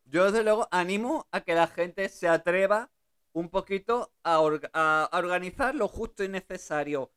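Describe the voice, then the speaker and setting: A woman's voice: lowish voice, moderate pace, clean tone. A woman hosting a radio show, chatting casually with a guest and laughing easily. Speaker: radio host.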